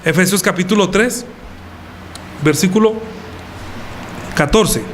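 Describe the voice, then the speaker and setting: A man's voice: sits high, slow, slight background noise. A man preaching a sermon as pastor, asking the congregation questions and answering them, calling listeners by name.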